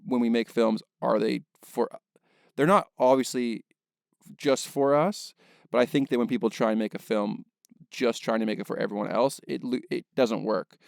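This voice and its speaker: A man with a gravelly, creaky edge to his voice talks through a film in a loose podcast chat. He reasons aloud, circling his point with filler words, analytical rather than emphatic. The sound is close and dry, with no room around it. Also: mid-range voice, steady tone, normal speed, darkish tone, no echo. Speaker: podcast co-host, filmmaker. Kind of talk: casual film discussion.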